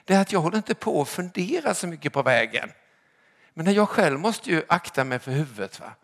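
A man preaching a sermon to his congregation, emphatic and rhetorical, often asking "right?" and swinging between loud calling out and quiet drops. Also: a little high, sing-song. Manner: emphatic, rhetorical, repeating "eller hur?".

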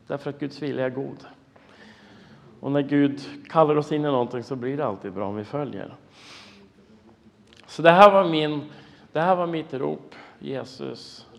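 A man in his fifties, a pastor, giving an earnest, emotional sermon testimony and dropping to a hushed voice for prayers. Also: fairly high pitch, lively intonation, vocal fry, long pauses, long reverb tail. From Norway and the United States.

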